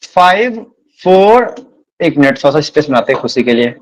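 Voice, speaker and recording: A man's voice: fairly high pitch, very animated. A man teaching a math class, repeating himself and calling the students beta. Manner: admits speaking fast. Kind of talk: live online class lecture.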